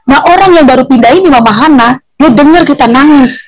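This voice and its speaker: The recording is poor, and the woman's voice sits high as she talks at a brisk clip. Her faith testimony comes out chatty and informal with local slang, charged with emotion that at times brings her to tears.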